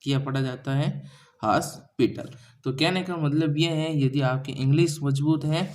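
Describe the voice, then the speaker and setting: A man's voice: fairly high pitch, fairly even intonation, normal speed, darkish tone. A man from India with a Hindi accent teaching an English class, often asking the students a question and then answering it himself. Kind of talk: classroom lesson explaining grammar and pronunciation.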